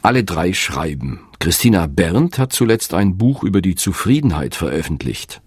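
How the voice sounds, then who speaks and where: A man's voice: low voice, sing-song, moderate pace, husky, no room sound, studio quality. A middle-aged man, an author, narrating in a candid, reflective and self-deprecating way. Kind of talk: scripted narration.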